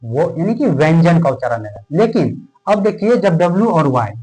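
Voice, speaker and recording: Fairly high-voiced man teaching a class. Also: sing-song, mellow, rough recording. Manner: asks questions and answers them himself, repeats key terms; stretches words out slowly while writing. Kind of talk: classroom board lesson.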